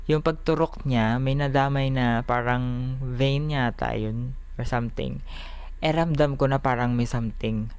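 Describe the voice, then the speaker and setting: A Filipino vlogger chatting casually in Taglish, giggly and animated, talking with missing front teeth. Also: medium pitch, a little slow, clean tone. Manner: talks with missing front teeth after an extraction; Taglish, mixing English phrases into Tagalog. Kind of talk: casual chatty daily vlog.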